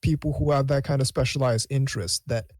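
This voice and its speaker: A man speaking as a podcast guest in casual chat, earnest and halting, restarting his phrases. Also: mid-range voice, fairly even intonation, a little mellow, no echo.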